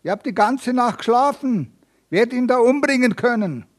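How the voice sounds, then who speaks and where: A man's voice: very high-pitched, animated, normal speed, voice pushed up. A young accused man pleads in a strained, groaning voice, pushed well above normal. A man reading a story aloud plays him, desperate and breathless with fear.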